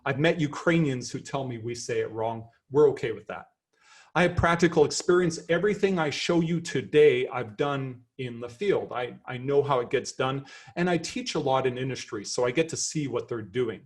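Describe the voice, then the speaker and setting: The speaker is a middle-aged Canadian man, a professor with a Canadian accent, delivering a chatty and lively seminar lecture. He comes across as enthusiastic and self-deprecating, talking at medium pitch and a moderate pace.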